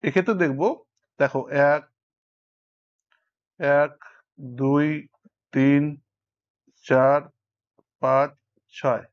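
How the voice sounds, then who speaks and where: A man's voice: mid-range voice, fairly even intonation, extremely slow, long pauses. Bengali-speaking male teacher, lo-fi sound. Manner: counts syllables aloud while explaining. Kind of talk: explanatory lesson. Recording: dull lo-fi recording.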